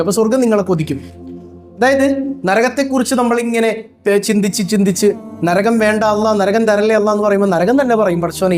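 A man preaching to his followers, asking rhetorical questions and chanting Arabic phrases slowly. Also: high voice, a little mellow. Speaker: Islamic preacher. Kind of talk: religious talk to followers.

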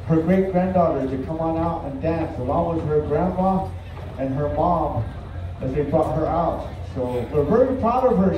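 An older man giving an earnest, measured public address in powwow emcee style, pausing between short phrases. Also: a little high. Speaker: speaker for a family sponsoring a dance special. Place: large open-sided tent at an outdoor powwow. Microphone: distant camera picking up PA. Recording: echoey PA from far off, background noise.

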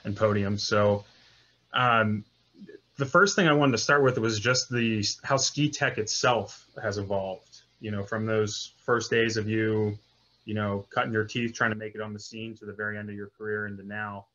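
A man's voice: lowish voice, fairly even intonation, moderate pace, pushed and bright. A young man in his twenties interviewing on a video call, hesitant and full of fillers. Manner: hesitant, filler-heavy questions. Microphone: video call webcam. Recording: dull lo-fi webcam audio.

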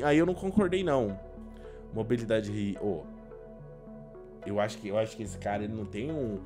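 A young Brazilian man giving casual, slangy reaction commentary as a gaming YouTuber, expressive and prone to exclaiming. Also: medium pitch. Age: young adult. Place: small indoor room at a desk.

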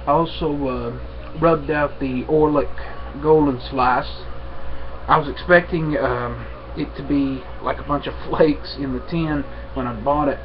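Halting young man, dull webcam sound. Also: on the high side, fairly even intonation. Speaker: vlogger, pipe smoker. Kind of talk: casual chat to camera. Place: small room at home, indoors. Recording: dull webcam audio with faint noise.

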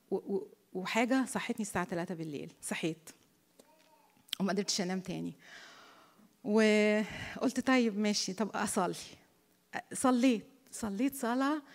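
Fast-talking Egyptian woman in a reverberant hall. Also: medium pitch, vocal fry. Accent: Egyptian Arabic. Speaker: women's Bible study speaker. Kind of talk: Bible study talk with scripture reading. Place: church hall.

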